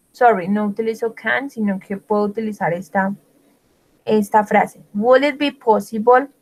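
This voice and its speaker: A woman teaching English grammar in a bilingual lesson, explaining step by step, checking in often with her students, and slowing down to read out example sentences. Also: medium pitch, poor audio. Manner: explains patiently, switching between Spanish and English, many check-ins.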